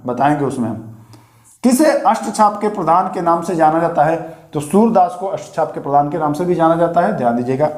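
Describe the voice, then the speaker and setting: A man's voice: high voice, darkish tone, echoey room. A man teaching an online exam-prep class, asking a question and then repeating the answer back to his students. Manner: coaxing, mildly scolding toward students.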